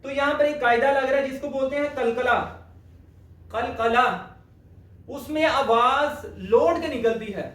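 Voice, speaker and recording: A man teaching the correct pronunciation of Quran letters, speaking slowly and deliberately and repeating each sound to demonstrate it. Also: very high voice, a bit bright. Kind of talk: spoken lesson on letter pronunciation. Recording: echoey room, voice far from mic.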